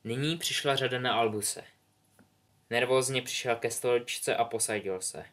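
A man narrating a story in a calm, measured reading voice. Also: mid-range voice. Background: soft music.

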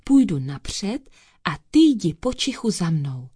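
A woman's voice: lowish voice, very animated, mellow, slightly rough, no room sound, clean studio sound. Woman doing Jura, a sly whispering cat. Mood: hushed scheming. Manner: whispered, hissing.

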